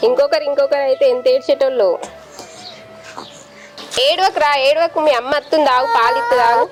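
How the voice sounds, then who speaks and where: A chatty young babysitter played by a woman with a Telangana Telugu accent. She talks fast in a high voice, coaxing and talkative, over film music. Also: natural voice. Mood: soothing.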